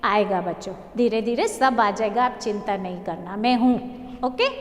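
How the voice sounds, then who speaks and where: A teacher drilling Hindi syllables for young children in a reassuring, sing-song way, speaking with an Indian accent. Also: female voice, mid-range voice, moderate pace. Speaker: primary school teacher. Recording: echoey room with long reverb.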